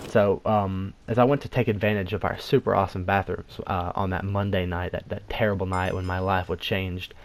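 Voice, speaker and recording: Fast-talking, low-voiced male storyteller. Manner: rambling, joking, lots of "you know" fillers. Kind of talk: casual storytime narration.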